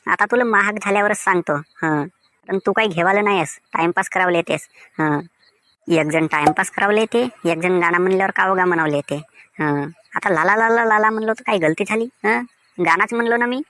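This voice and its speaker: Voicing Diwakar, the cheerful singing village mango seller, a man uses a Vidarbha Marathi accent and a sing-song delivery while sounding defensive and grumbly. His voice is high, brisk and sharp-toned.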